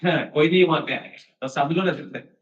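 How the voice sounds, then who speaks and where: A man with a fairly high pitch talks fairly quickly, preaching a sermon built around storytelling in a chatty manner. As a devotional speaker, he mixes in English phrases and laughs now and then. The recording comes across echoey, far off and muffled.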